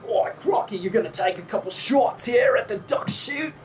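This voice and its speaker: A man's voice: high-pitched, animated, normal speed, slight background noise. A man voicing a folksy male carnival clown who runs a shooting game, with hearty barker's patter. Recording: roomy sound from a distant mic.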